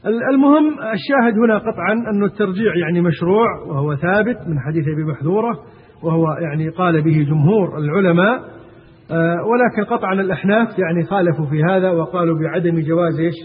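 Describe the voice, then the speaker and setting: Man teaching a religious lesson, high husky voice, quizzing students, tinny recording with long hall reverb. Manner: asks the class questions, often pausing on "eesh?". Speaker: teacher of Islamic jurisprudence. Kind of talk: classroom lesson on a text.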